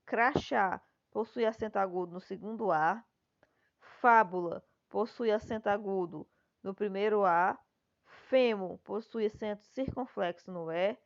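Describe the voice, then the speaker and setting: A woman's voice: mid-range voice, creaky. A Brazilian woman schoolteacher with a Brazilian Portuguese accent, patiently walking her class through the answers to an exercise and checking in with them as she goes. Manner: patient, explanatory, often checks with "né?". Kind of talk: recorded class lesson, explaining answers. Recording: dull lo-fi recording.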